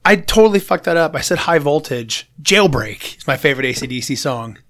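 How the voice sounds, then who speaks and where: A man's voice: fairly high pitch, animated, fairly quick, fairly bright tone. A man in casual, sweary conversation, blunt, with a congested, blocked-nose sound from bad sinuses. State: congested sinuses, recent coughing. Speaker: podcast host. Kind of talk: casual profane music chat.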